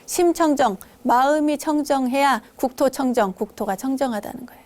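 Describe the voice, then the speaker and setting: A woman's voice: sits high, normal speed. A middle-aged woman, a Buddhist nun hosting the program, telling stories from temple life in a dharma talk, sometimes acting out the scolding voices of the people in them. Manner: warm storytelling, acts out quoted scolding.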